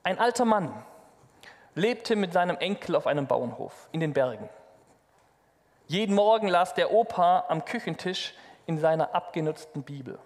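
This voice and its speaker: Brief: male preacher, high pitch, lively sermon, long reverb of a hall. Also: moderate pace. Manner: lively, addresses the congregation directly.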